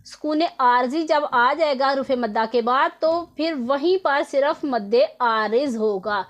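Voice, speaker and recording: A woman's voice: high voice, a little slow. A woman teaching Quran recitation rules in an online tutorial, explaining patiently step by step and repeating each rule.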